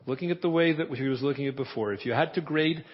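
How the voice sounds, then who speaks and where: A man's voice: fairly high pitch, quick pace. A man leading a live medical training demonstration, giving directions and pushing the audience for answers. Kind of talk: live clinical teaching demonstration. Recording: dull lo-fi audio.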